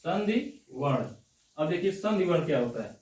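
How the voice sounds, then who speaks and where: A man's voice: a little high, big pitch swings, moderate pace, darkish tone. A man teaching a classroom grammar lesson, asking questions and checking that his students follow. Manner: checks understanding with repeated "theek hai na?". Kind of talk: classroom lecture on Hindi grammar. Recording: echoey room, distant mic.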